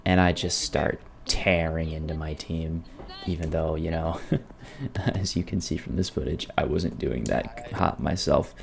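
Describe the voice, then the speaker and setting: A man narrating his own gameplay in a casual, wry and self-deprecating storytelling voice-over, with a gravelly creak. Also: very deep voice, unhurried. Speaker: video creator narrating gameplay.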